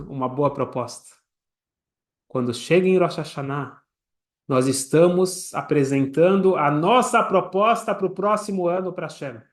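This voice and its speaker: A man, a rabbi, giving a teaching sermon with everyday examples and soft asides. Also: high voice.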